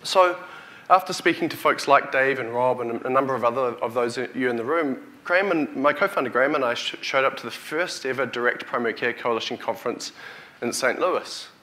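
Bright-voiced New Zealand man presenting on stage. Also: medium pitch, fairly quick. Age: 30s. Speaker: company CEO, conference speaker. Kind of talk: conference keynote presentation. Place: hotel conference hall, on stage before an audience. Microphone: lapel or headset mic.

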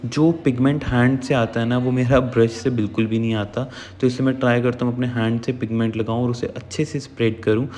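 A man narrates a makeup tutorial in a relaxed, instructive, chatty way. His voice is mellow and warm at a mid pitch. The recording carries a long, hall-like reverb. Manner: chatty, instructive, mixes English words in. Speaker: makeup artist.

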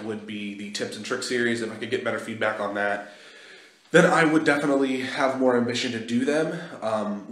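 A young man talking casually to his viewers in a vlog, recorded on a phone in an echoey indoor space. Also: mid-range voice. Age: young adult. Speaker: video blogger. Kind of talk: casual vlog talk to camera. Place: small echoey indoor walkway in a house being moved into. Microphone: phone at arm's length.

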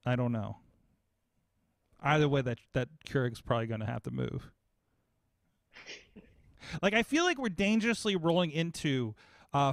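In a foam-paneled studio with no echo, a man in his forties hosts a podcast, chatting casually in a mid-range voice. He's animated, rambling and self-mocking, speaking into a studio mic on a boom arm and wearing headphones.

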